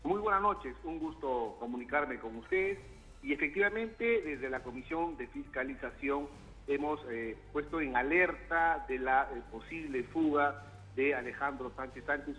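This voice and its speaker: A man from Peru, a congressman, speaking formally over a remote line in a news interview, often pausing with fillers and restarting phrases. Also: medium pitch, sharp tone, faint music behind, poor audio.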